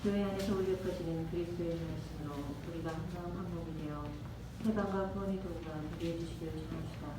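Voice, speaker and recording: A woman leading a Mass as lector in a steady, formal way, heard with heavy church echo. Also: deep voice, quick pace. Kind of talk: liturgical reading. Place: large church. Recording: echoey church from far off, noisy.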